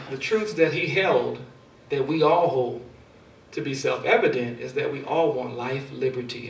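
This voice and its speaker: Male speaker, fairly high voice, motivational storytelling, roomy hall sound, mic at a distance. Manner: storytelling with dramatic swings in loudness. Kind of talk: motivational speech. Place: large hall. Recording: echoey hall, far from mic.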